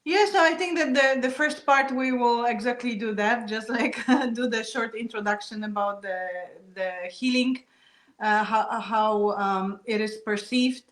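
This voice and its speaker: A woman guest explaining her topic calmly, now and then with a soft laugh. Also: a little high, measured pace. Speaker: guest speaker. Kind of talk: explanatory talk on traditions. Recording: roomy echo.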